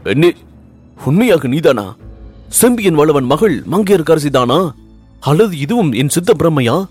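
Brief: man doing a lovesick young prince, earnest and pleading, higher than his own voice. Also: animated, fairly quick, husky, soft background music. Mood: astonished. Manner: earnest, pleading, rising with emotion. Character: young Pandya prince, ardent and anxious lover.

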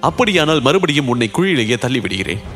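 A man voicing a bold, sharp-tongued young woman who teases and scorns in a raised voice. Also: mid-range voice, sing-song, fast, faint music behind. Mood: teasing. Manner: teasing, scornful.

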